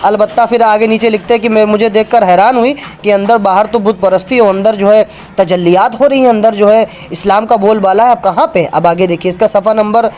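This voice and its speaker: A man's voice: high-pitched, steady tone, a little fast, hardly any pauses, darkish tone, slight background noise. A man giving an argumentative religious talk, reading passages from books and pointing viewers to pages. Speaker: religious speaker.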